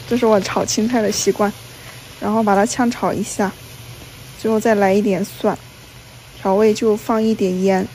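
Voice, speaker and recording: A woman's voice: mid-range voice, darkish tone, rough recording. A woman in her thirties narrates cooking steps informally, like a home vlogger. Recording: faint background noise.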